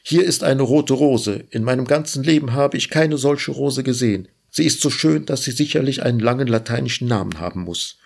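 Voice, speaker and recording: A man voicing a lovesick young student in a storybook reading, with emphatic, excited exclamations. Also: medium pitch, moderate pace, gravelly. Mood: eager.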